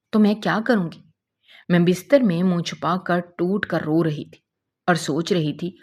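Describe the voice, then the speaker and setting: Woman narrator, first-person story reading, somewhat low pitch, steady, earnest.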